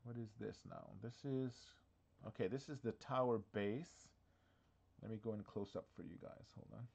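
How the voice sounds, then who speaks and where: A man's voice: fairly low pitch, moderate pace, gravelly, darkish tone, husky. A man hosting a casual live walkthrough from his office, talking in a chatty, hesitant way full of fillers and restarts, with the hiccups. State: has the hiccups. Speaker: diorama workshop host.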